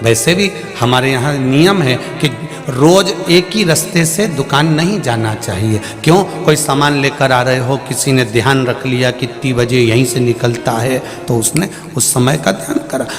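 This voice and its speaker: A man preaching a devotional sermon to a large live gathering, animated and exhorting with folksy humor, on a stage microphone. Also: mid-range voice, moderate pace, few pauses. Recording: reverberant hall with music.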